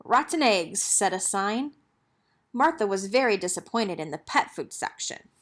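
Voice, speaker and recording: Here a woman of medium pitch performs a picture book for children, reading expressively and keeping a moderate pace.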